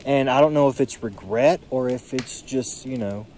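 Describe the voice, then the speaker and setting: A tired young man musing aloud in a solo vlog, seated outdoors by a creek, filling his pauses with "you know". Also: medium pitch, a little mellow, slight background noise. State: tired, yawning. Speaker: podcast vlogger. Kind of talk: reflective solo monologue. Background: faint creek water and birdsong.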